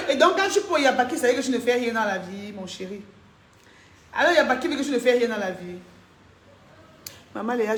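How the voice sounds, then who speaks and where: A woman's voice: a little high, roomy sound, a little hiss or hum. A woman, chatting casually on a live stream, reading comments and answering viewers, laughing often.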